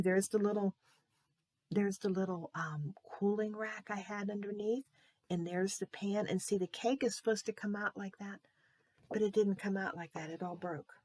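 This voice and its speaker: A woman tells a children's Bible story with animation, frequently pausing to ask the young listeners questions. Her voice is medium-pitched, and there's no echo.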